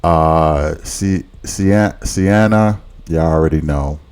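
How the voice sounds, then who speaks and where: A man with a low, deep voice drawls through a casual reaction commentary. He talks slowly and rambles, often stumbling and repeating his words. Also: darkish tone, clear, resonant tone.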